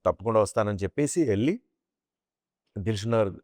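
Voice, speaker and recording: A man, a mimicry artist, telling animated stories about his life and slipping into imitated voices. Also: on the low side, quick pace, no echo, clean studio sound. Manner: animated storyteller who slips into chanting and imitated voices. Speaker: mimicry artist, interview guest. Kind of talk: casual interview storytelling.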